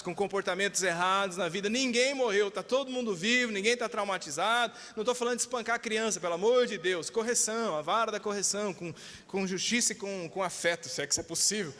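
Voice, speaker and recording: Sharp in tone, brisk, and sitting high, the voice belongs to a man preaching with a Brazilian Portuguese accent. He delivers an emphatic sermon, calls for amens, and acts out the voices he quotes, all in a reverberant church hall.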